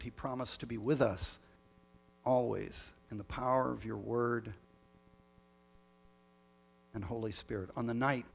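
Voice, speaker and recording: A male pastor reads the communion liturgy in a slow, solemn cadence, now and then restarting a phrase. His voice is gravelly and a little husky. A long cathedral-like echo trails every phrase through the large church. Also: mid-range voice. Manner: measured, solemn liturgical reading with small restarts. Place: church sanctuary.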